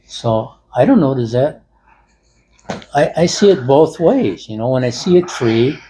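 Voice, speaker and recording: An older man in casual elderly couple banter, speaking haltingly and repeating words with emphatic swings. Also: mid-range voice, animated, mellow, low-quality recording. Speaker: co-host in a couple's discussion. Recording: noticeable background room noise.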